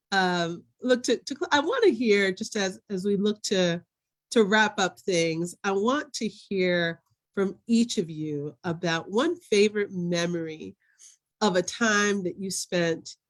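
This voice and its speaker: A woman moderating a virtual panel over a video call, encouraging and asking follow-up questions. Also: mid-range voice.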